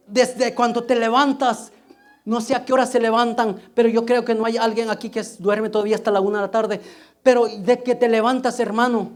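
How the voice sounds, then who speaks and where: A man preaching a fervent sermon who keeps addressing his listeners as brother and repeats his phrases. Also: extremely high pitch.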